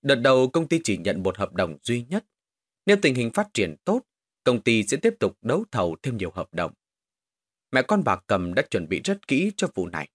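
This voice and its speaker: A man narrating a ghost story in an animated storytelling manner. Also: mid-range voice, normal speed, slightly rough, no echo.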